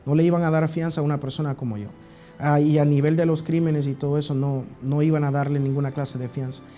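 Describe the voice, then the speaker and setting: Man, church testimony, earnest, halting, mellow tone, soft music behind. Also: on the high side, flat delivery. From Honduras. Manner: earnest, halting, with frequent restarts. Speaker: church member giving testimony. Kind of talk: personal testimony.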